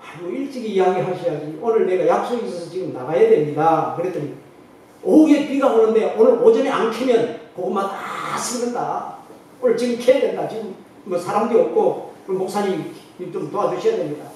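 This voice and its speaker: A man's voice: sits high, expressive, brisk, mellow. A middle-aged man, a pastor, telling a story in his sermon and acting out the voices of the people in it. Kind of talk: sermon testimony. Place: church sanctuary. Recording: very echoey hall, distant mic, faint noise.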